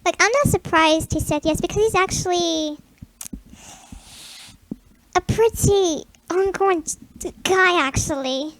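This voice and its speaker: Giggly high young voice, slow rambling chat. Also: fairly bright tone, low-quality recording. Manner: giggly, rambling, loose slang. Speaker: video creator. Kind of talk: casual chat to viewers.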